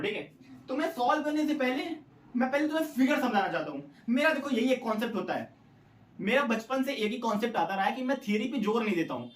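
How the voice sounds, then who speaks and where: Far from the mic in an echoey room, a young man with a high voice walks through a physics derivation as a playful classroom explanation. He's jokey and dramatic, switching into student voices, while a dog barks nearby.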